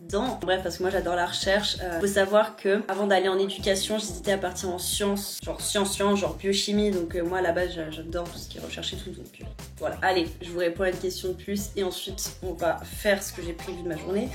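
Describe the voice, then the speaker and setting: A woman's voice: lowish voice, fairly even intonation, brisk, few pauses. Casual young female vlogger, chatty and informal, roomy home sound with light music underneath. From Geneva, Switzerland. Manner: informal, self-mocking, chatty. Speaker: YouTube vlogger. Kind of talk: casual chat to camera, Q&A vlog. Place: indoors at home. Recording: roomy echo, faint music behind.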